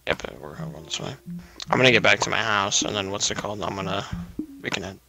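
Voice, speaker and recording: A man in casual gaming chat, excitable and quick to protest when teased. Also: on the low side, gravelly, over music. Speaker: let's play gamer.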